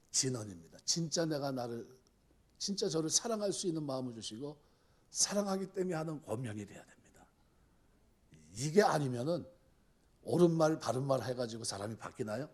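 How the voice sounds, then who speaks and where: A man's voice: medium pitch, lively intonation, brisk, darkish tone. A middle-aged male pastor preaching a sermon, often asking the congregation rhetorical questions. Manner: rhetorical questions to the congregation, acts out quoted voices.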